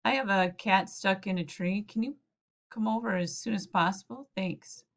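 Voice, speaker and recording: A woman's voice: mid-range voice, moderate pace, natural voice. A woman doing a flustered, bumbling uncle. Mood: sheepish. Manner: sheepish, hesitant, lots of "uh". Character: flustered middle-aged man, bumbling uncle phoning for help. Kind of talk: storybook read-aloud.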